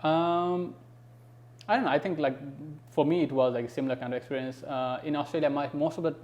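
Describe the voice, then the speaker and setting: A man's voice: on the high side, a little fast, darkish tone. A young man from Nepal, chatting loosely as a podcast guest with plenty of fillers. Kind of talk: casual conversation.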